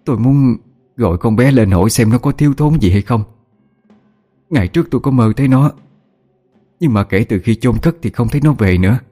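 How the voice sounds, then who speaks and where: A man's voice: medium pitch, expressive, fairly quick, long pauses, mellow, husky, faint music behind, pitched above the performer's own voice. A man voicing a grieving middle-aged mother who pleads through tears. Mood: pleading. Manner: pleading, tearful.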